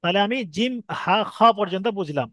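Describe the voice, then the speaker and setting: High-voiced Bengali man teaching letters. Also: animated, brisk, a bit bright, dry recording. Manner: patient, explains step by step, drags out vowels to demonstrate. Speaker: Arabic reading teacher. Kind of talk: online Quran reading lesson.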